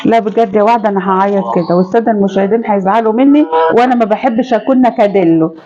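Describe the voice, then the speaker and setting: A woman's voice: medium pitch, racing, lo-fi sound, crowd noise. A woman with an Egyptian accent, a mother talking to her viewers in a chatty, affectionate way while she cooks in her home kitchen. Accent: Egyptian Arabic. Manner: chatty, affectionate, keeps addressing viewers fondly. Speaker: home cooking vlogger and mother. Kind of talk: chatty cooking vlog talk to viewers.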